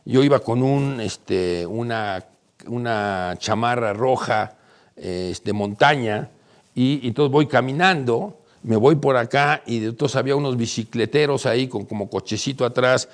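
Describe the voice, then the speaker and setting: A man with a Mexican accent telling a personal story in an animated way, acting out the voices of other people. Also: medium pitch, a little slow. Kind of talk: personal anecdote monologue.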